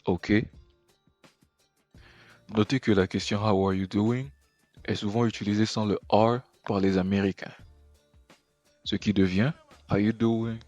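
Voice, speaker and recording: Deep-voiced man teaching English. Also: flat delivery, unhurried, long pauses, a little mellow, dry recording, dull audio, faint music behind. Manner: patient, checks in with "ok?". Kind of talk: explanatory language lesson.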